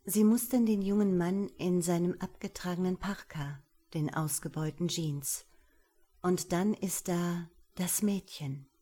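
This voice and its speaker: A woman narrating a suspense audiobook in a measured, hushed manner. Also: lowish voice, fairly even intonation, breathy edge.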